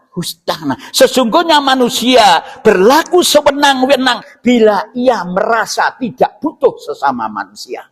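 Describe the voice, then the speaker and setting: A man with a Javanese accent and a high, breathy-edged voice leads an informal sermon in a mosque. He walks listeners through scripture didactically, asking rhetorical questions and adding check-in tags, and the recording has an echoing hall sound.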